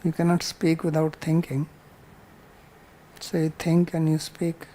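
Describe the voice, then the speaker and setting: Here a man with an Indian accent teaches scripture as a spiritual teacher, patiently restating ideas and illustrating them with simple examples. His fairly high, dark voice stays completely flat and unhurried, and the audio quality is poor.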